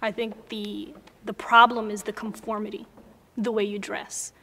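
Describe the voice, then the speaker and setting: A woman's voice: mid-range voice, little pitch movement, a little slow, fairly bright tone. A young woman in a focus group, speaking frankly about her own experience. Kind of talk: candid group discussion. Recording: hall reverb, faint room noise.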